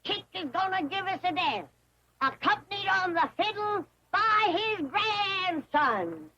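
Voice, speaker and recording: Scrappy old hillbilly granny, high, slow-talking, wheedling, barker patter. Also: female voice, very animated, bright, forceful tone, exaggerated voice. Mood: barking. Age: older. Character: feisty old hillbilly granny, self-styled doctor. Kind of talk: 1960s sitcom acting. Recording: dull lo-fi TV audio with noise.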